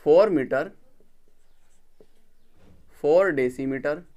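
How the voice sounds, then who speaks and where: A man teaching engineering drawing in a recorded video lecture. He repeats each step, counts slowly as he draws, and checks that students are following. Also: fairly high pitch, warm tone.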